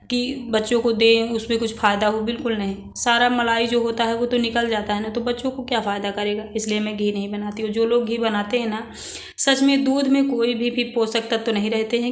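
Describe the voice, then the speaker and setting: Doing chores in her kitchen, a thirtysomething vlogger with an Indian Hindi accent talks casually to her viewers. The sound is reverberant, and her pitch is fairly high.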